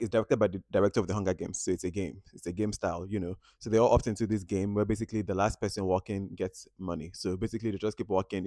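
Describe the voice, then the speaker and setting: A man from Nigeria, reviewing a film at home in an animated, expressive way, jumping between loud outbursts and quiet asides. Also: mid-range voice, dry recording. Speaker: movie reviewer. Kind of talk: casual movie review vlog.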